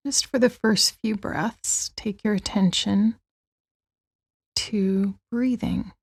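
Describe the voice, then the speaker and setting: A woman leads a guided body-scan meditation in a soft, mellow, mid-range voice with a creaky edge and a steady tone. She talks gently and very slowly, leaving long pauses between soothing phrases.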